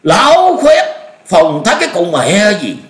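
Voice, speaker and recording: A man voicing a bitter old male martial master who rages and gloats in a shrill, cackling voice. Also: wildly swooping pitch, takes it slowly. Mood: raging. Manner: raging, gloating laughter. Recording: echoey room.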